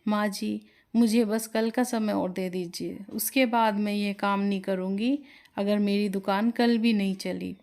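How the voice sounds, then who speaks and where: A woman's voice: medium pitch, fairly even intonation, a little slow, darkish tone, natural voice. A woman voicing a struggling but determined young chaat seller in a storybook tale, speaking earnestly. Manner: earnest, pleading.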